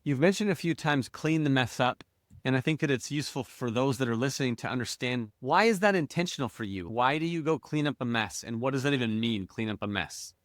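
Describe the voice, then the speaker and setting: A man's voice: mid-range voice, lively intonation, fairly quick, no echo, clean studio sound. A man hosting a podcast interview, asking thoughtful open questions and affirming his guest's points. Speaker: podcast host.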